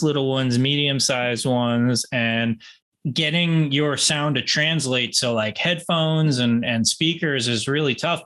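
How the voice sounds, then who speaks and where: A man's voice: medium pitch, bright, forceful tone. A male guitarist answering interview questions in a rambling, self-deprecating way with many restarts. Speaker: guitarist guest.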